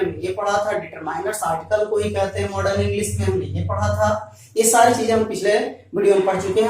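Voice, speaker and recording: Man teaching in a very echoey room. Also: high-pitched. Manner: repeats points, addresses students directly. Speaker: English teacher. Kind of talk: Hindi-language grammar lecture. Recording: very echoey room, far from the mic.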